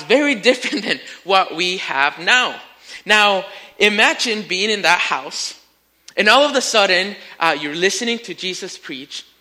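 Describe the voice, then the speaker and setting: Bright, high-voiced male preacher. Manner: animated storytelling, rising to near-shouts in acted quotes; addresses listeners as friends. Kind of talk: sermon.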